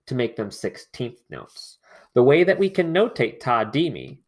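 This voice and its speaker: Slow, patient male music teacher. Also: medium pitch. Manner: slow, patient explaining with sung syllables. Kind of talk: online music lesson.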